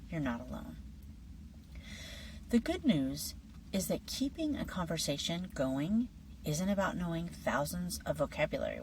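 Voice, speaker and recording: Low-voiced woman teaching an English lesson. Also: darkish tone, recorded from a distance, slight background noise, low-quality recording. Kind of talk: friendly scripted lesson.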